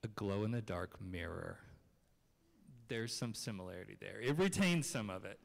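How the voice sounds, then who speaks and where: A man's voice: lowish voice, expressive, moderate pace, creaky. A man in his thirties giving a children's message in a large church, talking casually and asking the kids questions, into a handheld microphone. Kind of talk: children's sermon. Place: large church sanctuary, seated on chancel steps. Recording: long reverb of a church hall.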